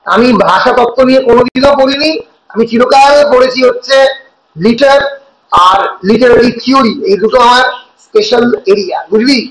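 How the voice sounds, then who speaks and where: A man's voice: very high-pitched, normal speed, a bit bright. A male college teacher with a Bengali accent, explaining step by step and asking his students questions as he goes. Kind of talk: lecture in Bengali mixed with English. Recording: echoey room.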